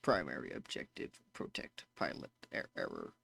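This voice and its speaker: A man's voice: very deep voice, wildly swooping pitch, moderate pace, gravelly, pushed and bright, slightly rough, pitched below the performer's own voice, heavily acted. A man voicing a damaged robot that glitches, stutters and repeats words in clipped machine phrasing. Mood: glitching monotone. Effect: glitching robot voice, words breaking and repeating.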